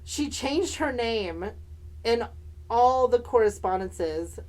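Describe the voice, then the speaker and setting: A woman's voice: fairly high pitch, animated, slow pace, a little mellow, poor audio. A woman co-hosting a podcast, telling stories in a casual comedic way with sassy, campy slang and playful swearing. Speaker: podcast co-host. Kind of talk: casual comedic storytelling mixing read narration and chat.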